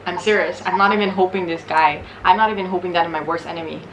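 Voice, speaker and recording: A woman's voice: on the low side, fairly even intonation, quick pace, slight background noise, rough recording. A young woman chatting casually and candidly as a mukbang host, giggly and swearing freely. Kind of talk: casual real-talk chat over a meal.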